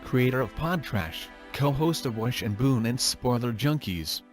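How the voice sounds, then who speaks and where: A male-sounding robotic text-to-speech voice narrating a fan-made conspiracy video in a flat, mock-serious tone. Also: medium pitch, unhurried, faint music behind. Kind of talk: scripted narration.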